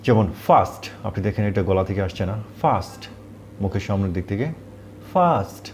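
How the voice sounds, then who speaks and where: A man's voice: fairly low pitch, flat delivery, very fast, warm tone, a little hiss or hum. A man teaching English pronunciation, patiently repeating points and saying example words aloud. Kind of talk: explanatory lesson.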